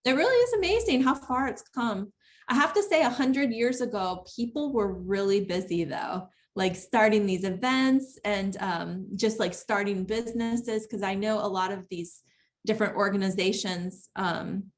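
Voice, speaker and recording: A woman's voice: medium pitch, normal speed. A woman hosting a casual interview, asking rambling, enthusiastic questions. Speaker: host.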